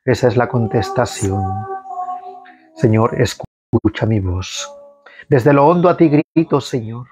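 A man leads a rosary livestream, reciting psalms and prayers at a slow, measured pace. He guides the listeners through each response. Soft music plays faintly behind his voice. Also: medium pitch. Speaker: prayer leader.

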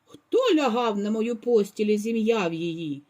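Lady doing a mama bear growl, loud but not too scary, bit breathy. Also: medium pitch, unhurried, close to an everyday voice. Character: mother bear, less fearsome.

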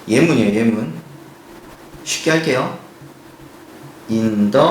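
A man teaching an English grammar lesson. He explains each point step by step, asks rhetorical questions and reads example sentences slowly. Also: mid-range voice, echoey room, a little hiss or hum, poor audio. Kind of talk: recorded grammar lecture.

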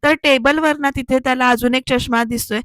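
A high-pitched woman narrates a TV serial recap in a relaxed, chatty way, sprinkling in filler words and speaking straight to viewers. Her melody stays fairly even and the recording is dry and close. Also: a little fast, dry recording. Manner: chatty, with frequent filler particles; addresses viewers directly. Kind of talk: casual episode recap narration.

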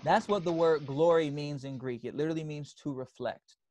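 A man's voice: on the high side, a little fast, a little mellow. A man preaching a sermon as pastor, emphatic, repeating phrases and calling for responses from the congregation.

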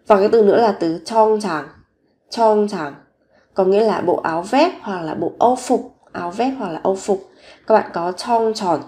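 A woman teaching Korean vocabulary in a recorded lesson, slowly repeating each word several times. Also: mid-range voice, a little mellow.

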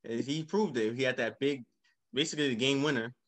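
A man hosting a casual basketball podcast, talking with quick bursts of enthusiasm. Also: medium pitch. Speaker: podcast host. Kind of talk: casual sports chat.

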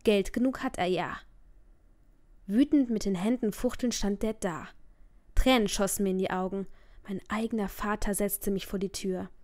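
A woman reads a first-person audiobook aloud. Her storytelling is emotive, and her voice sits at an ordinary middle pitch. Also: fairly even intonation, moderate pace, darkish tone. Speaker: audiobook narrator.

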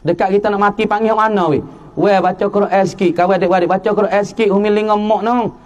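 A man's voice: sits high, fairly even intonation, fast talker. A middle-aged male religious teacher, giving an Islamic sermon in a repetitive, emphatic preaching cadence.

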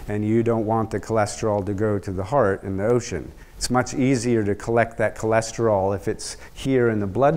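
A man's voice: fairly low pitch, darkish tone. Middle-aged guy lecturing in a big hall into a lectern mic, explains with analogies, says uh now and then. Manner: explanatory, uses analogies, some fillers. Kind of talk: university lecture.

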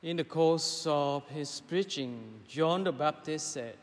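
High, slow-voiced priest in cathedral echo. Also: male voice. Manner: measured, pausing delivery with frequent hesitations. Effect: cathedral-like church echo. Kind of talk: gospel reading and homily at Mass. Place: large church. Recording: long reverberant church hall.

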